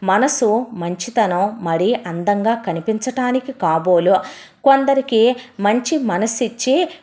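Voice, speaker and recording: A woman's voice: fairly high pitch, slow, a little mellow. A woman narrating a story as a bitter, impassioned first-person monologue.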